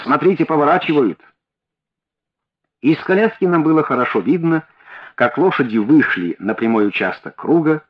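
A man narrating a classic detective story as an audiobook, with an expressive, varied delivery. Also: medium pitch, normal speed, muffled recording.

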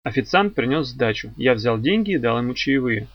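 A man's voice: medium pitch, expressive, a little fast, no echo, lo-fi sound. A man narrating a detective novel in the first person, with a dry, ironic telling. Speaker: audiobook narrator.

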